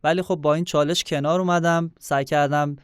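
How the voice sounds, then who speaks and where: A man's voice: fairly high pitch, fairly even intonation, smooth, no echo, studio quality. A young man, explaining things conversationally as an interview guest. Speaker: guest, YouTuber.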